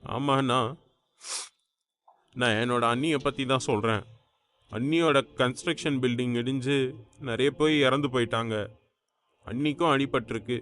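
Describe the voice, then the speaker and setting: A man voicing a frightened young man pleading for his brother to come quickly, in an audiobook. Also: medium pitch, a bit bright, lightly acted. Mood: scared. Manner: shaken, pleading. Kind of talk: audiobook character voice.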